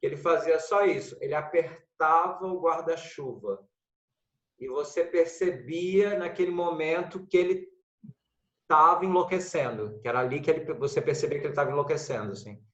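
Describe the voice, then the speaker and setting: A man's voice: a little high, moderate pace, a bit bright, echoey room, dull audio. A man with a Brazilian Portuguese accent in an acting class, asking questions and telling stories. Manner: questioning, anecdotal. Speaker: acting student. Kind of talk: class discussion.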